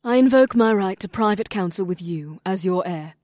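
A man's voice: high-pitched, animated, normal speed, darkish tone, dry recording, studio quality, voice pushed up. A man voicing a bold, commanding young elven princess in an audiobook, speaking urgently. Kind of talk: audiobook character voice.

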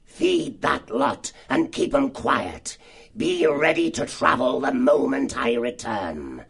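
Villainous fox boss, husky and rough, menacing and drawn out. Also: male voice, mid-range voice, very animated, voice pushed up, heavily acted. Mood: commanding. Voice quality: gravelly, raspy snarl. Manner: barking orders, slow and menacing. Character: cruel gravelly male fox warlord.

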